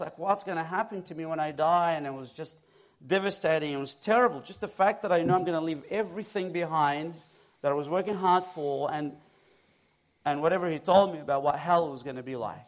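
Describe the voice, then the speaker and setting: On a church stage, a guest preacher from Egypt gives his personal testimony into his own mic, telling it with lively, self-mocking humor. His voice is fairly high-pitched.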